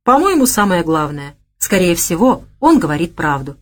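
Lady reader doing a coy teasing young gal, sly and stubborn, voice bounces around a lot. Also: normal speed. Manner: teasing, coy, high and lively.

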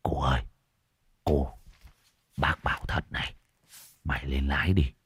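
A man voicing a sly older man who murmurs in a low, conspiratorial way. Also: animated, normal speed, slightly rough, no room sound, full character voice. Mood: sly hush.

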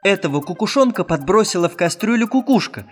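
A man reads a fairy tale aloud with a fairly high, lively voice that rises and falls a lot. His storytelling is expressive and animated, with faint music underneath. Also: a little fast, slightly rough. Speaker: audiobook narrator. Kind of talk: storybook narration.

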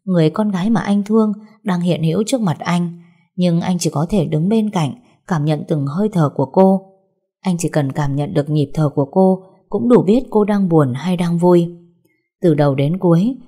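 A woman calmly narrating a romantic drama story. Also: lowish voice, normal speed. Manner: calm, even storytelling.

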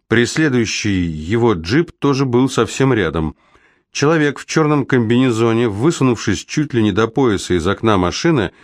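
A man reading a novel aloud as an audiobook narrator, in a steady, even storytelling manner. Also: mid-range voice, dry recording, clean studio sound. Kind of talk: scripted narration.

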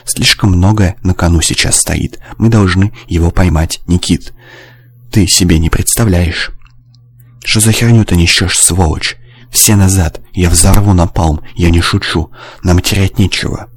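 A gruff, desperate stalker with a deep, husky voice, pushing his lines out with grim urgency, as a male audiobook narrator reads him. The delivery stays close to the reader's own low tone. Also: fairly even intonation, unhurried.

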